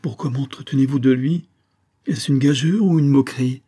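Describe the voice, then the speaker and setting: A man's voice: mid-range voice, animated, normal speed, dark tone, breathy edge. A man reading aloud and voicing a proud young woman who turns from mocking to angry. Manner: mocking, then angry and tearful.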